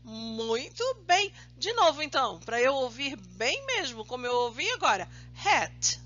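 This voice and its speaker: A woman teaching children English in a recorded remote lesson, drilling each word slowly and praising them often. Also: sits high, very animated, a bit bright, dull audio. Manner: slow, drawn-out drilling of words, praising often. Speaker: primary school English teacher.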